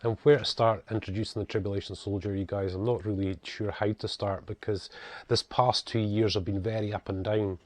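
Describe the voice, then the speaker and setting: A man's voice: fairly low pitch, level tone, fairly quick, no echo. A middle-aged man with a broad northeast Scottish accent, slightly toned down, giving a chatty, casual introduction as an author presenting his own videos. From northeast coast of Scotland. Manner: chatty, frequent 'you guys' and 'you know'. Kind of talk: casual spoken introduction to camera.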